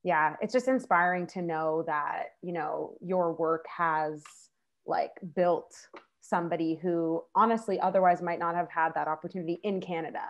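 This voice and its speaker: Young woman, lower register, thoughtful and unhurried, filler-heavy chat on a video call. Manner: reflective, many fillers. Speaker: filmmaker guest. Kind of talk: casual conversation.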